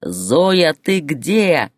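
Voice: mid-range voice, moderate pace, dry recording, studio quality, close to an everyday voice. A storyteller voicing a furious bullying husband who roars and barks insults, in an audiobook character voice. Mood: raging. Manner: roaring, barking, insulting.

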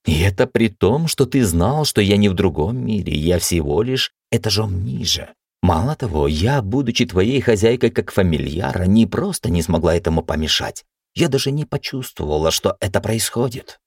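A man's voice: lowish voice, lively intonation, normal speed, darkish tone, no echo, clean studio sound, voice pushed up. A man voicing an anxious, tender young female mage who pleads emotionally in a raised voice. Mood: worried.

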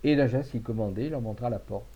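A man reading a classic tale aloud, measured and expressive, on a dull lo-fi recording. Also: medium pitch, husky. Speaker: narrator.

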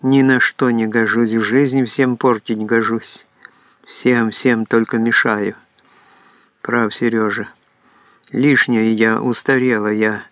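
A man's voice: mid-range voice, little pitch movement, slow, fairly bright tone. A man reading an audiobook voices an aging woman who laments that she is in everyone's way. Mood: lamenting. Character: aging woman, self-pitying and weary.

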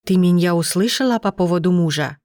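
A playful, affectionate man friend, voiced by a woman narrator in a storybook reading. The voice sits a little low and sounds dry and close, with no room around it. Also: a little fast, darkish tone, no echo, close to an everyday voice. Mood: teasing.

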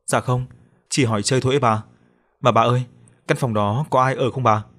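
A man's voice: medium pitch, fairly even intonation, a bit bright, close to an everyday voice. A man reading a curious young man. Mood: evasive. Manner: quick, evasive questions.

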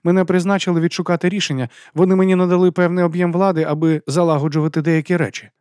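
Casting: man playing a businesslike woman in her forties, slight European accent, terse, raised higher than his own voice, dry close sound. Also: flat delivery, rapid-fire, a little mellow, clean tone, no echo, natural voice.

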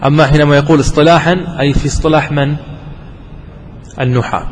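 A man's voice: fairly high pitch, fairly even intonation, quick pace, in a large hall, a little hiss or hum, rough recording. A man giving a classroom grammar lesson who keeps asking his listeners questions, answers them himself and repeats each definition. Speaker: grammar teacher.

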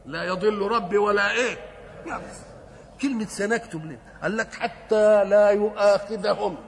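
An older man with an Egyptian accent preaching a sermon, asking rhetorical questions and answering them himself. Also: high voice. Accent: Egyptian Arabic. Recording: hall reverb with faint noise.

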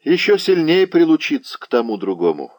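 A shrill old witch, as a man puts her on. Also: big pitch swings, fairly quick, dry recording, clean studio sound. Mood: scolding. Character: loud cackling old witch woman, sharp-tongued.

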